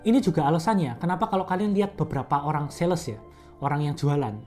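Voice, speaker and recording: A woman's voice: low-pitched, lively intonation, quick pace, a little mellow, faint music behind. A young woman in a casual educational vlog, coaching public speaking in a chatty, step-by-step way. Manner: chatty and conversational, explains step by step.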